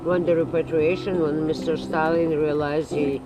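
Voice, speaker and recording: A woman's voice: sits low, little pitch movement, moderate pace, heavy background noise. An older woman from Russia, chatting emphatically at an outdoor party, often quoting what others said. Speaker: party guest. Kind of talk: casual chat. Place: backyard garden party outdoors. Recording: outdoor party with loud music behind. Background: loud music.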